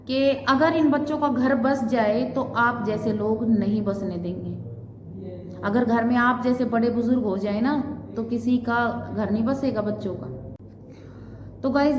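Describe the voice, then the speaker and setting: A woman in her thirties, a vlogger, telling a personal story in an earnest, repetitive way. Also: fairly high pitch. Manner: earnest, repetitive, quotes others' words. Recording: echoey room with long reverb, faint noise.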